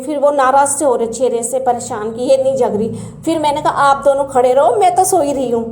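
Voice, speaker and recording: A woman earnestly and animatedly recounting her spiritual experiences as a personal story. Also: sits high. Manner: earnest and animated, acts out quoted words. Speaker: devotee sharing spiritual experiences. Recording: echoey room.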